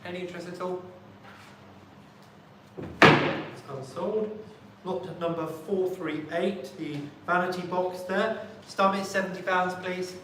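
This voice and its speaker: With a high-pitched, steady voice, a male auctioneer calls lots slowly and leaves long pauses, chanting bids rhythmically and politely during a live sale. The room is very echoey, the mic distant, and faint noise can be heard.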